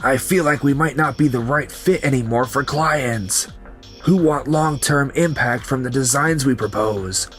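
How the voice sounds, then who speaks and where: Acting and narrating a manga dub, a man performs a betrayed young founder, calm and resigned, along with the founder's coworkers. Here his natural, slightly bright voice sits at middle pitch and moves a little slowly as he explains things in an earnest, scripted yet conversational way over background music.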